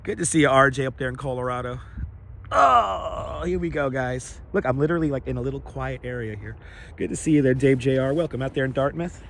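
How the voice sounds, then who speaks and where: Out walking in a city park, the livestream host speaks briskly in a voice that's raspy, slightly squeaky, a bit bright, and hoarse from overuse. He chats casually, rambling and repeating phrases as he greets viewers by turns, captured on a wireless lavalier with clear traffic and outdoor ambience behind him.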